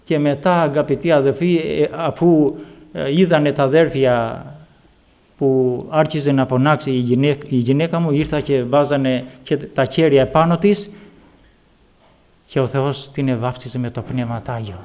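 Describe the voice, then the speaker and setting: A man preaching a sermon, fervently telling his own story and calling out hallelujahs to the congregation, moving between loud exclamations and quiet storytelling. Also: mid-range voice, fairly even intonation. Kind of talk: sermon with personal testimony.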